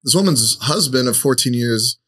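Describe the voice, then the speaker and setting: A man's voice: mid-range voice, lively intonation, normal speed, sharp tone, breathy edge. A man chatting loosely as a podcast guest, rambling with lots of filler words. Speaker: guest, social media creator. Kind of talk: casual podcast chat.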